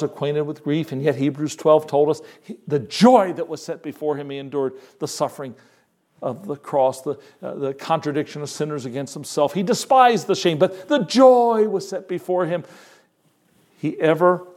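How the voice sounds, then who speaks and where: A male pastor preaching a sermon in a conversational way, moving between hushed asides and emphatic lines. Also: on the high side, normal speed.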